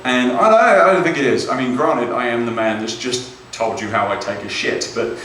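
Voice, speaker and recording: A man's voice: medium pitch, moderate pace, a bit bright, distant mic, slight background noise. A British man doing a stand-up comedy set, chatty and self-deprecating, often checking in with "right?". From Britain. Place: comedy club stage. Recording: echoey club, mic heard from afar.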